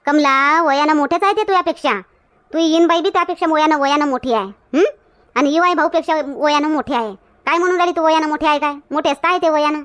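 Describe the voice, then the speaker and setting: A woman plays a short-fused village woman who scolds in a very high, piercing voice with a thick Varhadi Marathi accent. She lectures bluntly and does not back down. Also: quick pace, a bit bright. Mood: scolding. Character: outspoken village woman Shantabai, quick to flare up. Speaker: comic actor. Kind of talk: village comedy skit.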